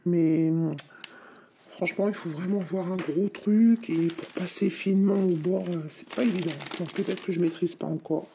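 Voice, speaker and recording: A woman with a slight head cold talks chattily and informally to her viewers as she demonstrates new supplies. Her voice is low-toned and gravelly, with a mellow, dark colour. Faint noise sits behind her. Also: steady tone, moderate pace. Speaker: hobby vlogger. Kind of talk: casual unboxing and demo chat.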